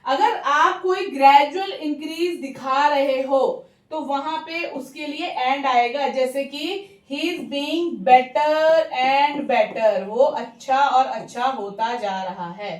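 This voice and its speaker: This is a grammar lesson from an English teacher, a woman with a high, light voice and an Indian accent who explains each rule patiently and in order. Example words get noticeably slower delivery, and she checks in with her listener again and again. The mic sits at some distance, giving a roomy sound.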